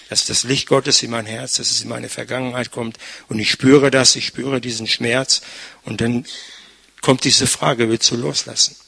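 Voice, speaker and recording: A man's voice: mid-range voice, creaky, a bit bright, slightly rough. An older man, a pastor, preaching a conversational sermon, frequently tagging his sentences with "ne?". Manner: chatty, frequent tag "ne?".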